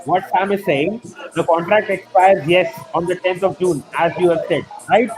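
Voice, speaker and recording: A man's voice: high voice, steady tone, normal speed, music in the background, low-quality recording. A man in a heated casual chat, persistent, cutting in again and again to make his point. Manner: persistent, keeps cutting in by repeating a name. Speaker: podcast host.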